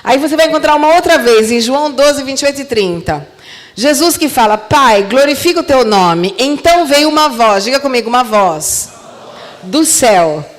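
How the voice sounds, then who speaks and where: A woman pastor with a Brazilian Portuguese accent preaching a sermon in church. She talks emphatically, moves between loud exhortation and soft asides, and calls on the congregation to repeat after her. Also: high-pitched, animated, moderate pace. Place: church sanctuary. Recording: long church-hall reverb.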